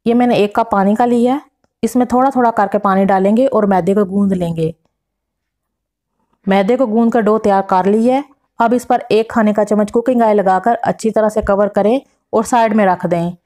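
Woman, cooking-channel host voicing over a recipe, methodical step-by-step delivery. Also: medium pitch. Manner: steady step-by-step instructions with measured quantities.

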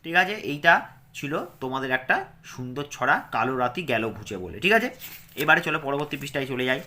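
A man with a bright, clear voice reads simple verses aloud for young pupils. He then breaks each one down in quick explanations, and he is recorded close to the microphone. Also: mid-range voice, animated. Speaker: teacher. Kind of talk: reading lesson for children.

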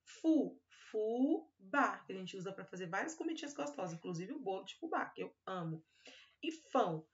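A woman with a Brazilian accent, a kindergarten teacher giving a recorded class for young children. She stretches syllables slowly and talks fondly to the kids. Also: mid-range voice, lively intonation, lo-fi sound. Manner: drawn-out syllables and fond little-word talk to children.

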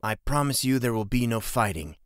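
A man's voice: mid-range voice, animated, brisk, smooth, no room sound, clean studio sound, lightly acted. A man voicing a determined man who speaks tersely with held-back anger. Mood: firm.

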